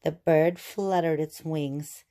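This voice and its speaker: A woman reading a children's picture book aloud and explaining it in a deliberate, teacherly way. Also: low voice, steady tone, warm tone.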